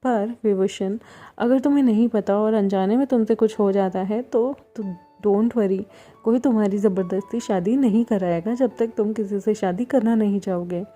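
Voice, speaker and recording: A woman's voice: medium pitch, moderate pace, warm tone, faint music behind, lightly acted. A woman voicing a kind older brother who soothes and scolds firmly, in a storybook reading. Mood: gentle. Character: gentle, caring older brother, firm when scolding.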